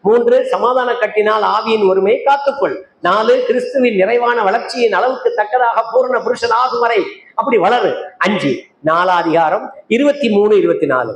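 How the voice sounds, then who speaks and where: Speaking at a normal speed in a high-sitting voice, an older male evangelist from Tamil Nadu, India, delivers a sermon in an echoey church meeting hall with faint background noise. He peppers the congregation with rhetorical questions and calls on listeners by name.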